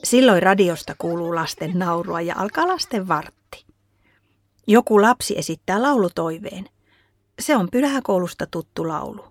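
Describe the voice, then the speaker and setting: A woman narrating a children's story in a calm, even reading voice. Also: lowish voice, no echo.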